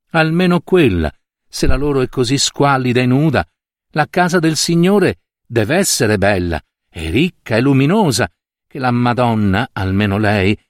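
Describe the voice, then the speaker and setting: A man narrating a literary short story in a measured, reflective reading. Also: medium pitch, no room sound, studio quality.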